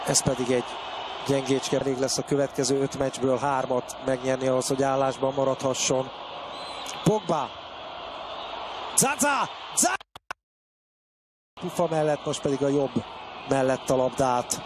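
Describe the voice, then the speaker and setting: A man with a Hungarian accent giving excited live football commentary that bursts into shouts, as a match commentator. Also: medium pitch. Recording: clear outdoor stadium noise behind. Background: stadium ambience.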